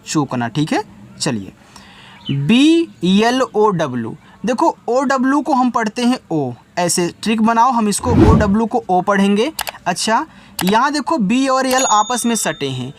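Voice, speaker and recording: A man giving a slow reading lesson, spelling each word letter by letter and repeating its meaning. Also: sits high, a little hiss or hum. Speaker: English tutor.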